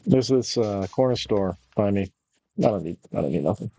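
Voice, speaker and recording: A young man rambling in a deliberate monotone with lots of fillers while commenting on a game he is playing. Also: on the low side, gravelly. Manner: rambling, halting, with many fillers. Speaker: gaming video host. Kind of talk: casual gameplay commentary.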